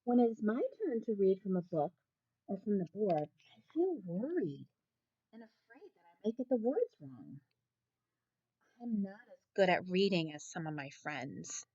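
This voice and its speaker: In an unhurried, very animated manner, a woman with a mid-range, dark-toned voice reads a children's picture book aloud the way a teacher would. She reads expressively and often breaks off to ask her young listeners questions. The recording is dry, with the highs cut off.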